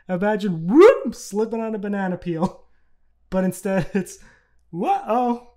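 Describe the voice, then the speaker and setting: A man's voice: high-pitched, fairly even intonation, unhurried, warm tone. A man co-hosting a podcast in casual chat, explaining in a blunt, rambling, profane way. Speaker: podcast co-host.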